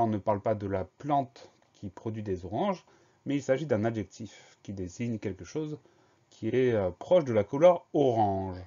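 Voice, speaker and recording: A man's voice: medium pitch, warm tone, highs cut off. A man teaching a spelling lesson, explaining each word patiently and spelling it out letter by letter.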